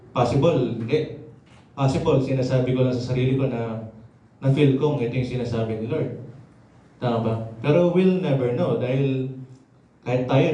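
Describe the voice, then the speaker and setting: Guy preaching, kinda winded, chatty with the congregation, mellow voice, super echoey room. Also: medium pitch. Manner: conversational, keeps checking in with the congregation. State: slightly out of breath. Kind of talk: sermon. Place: church hall. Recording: very echoey, from a distance.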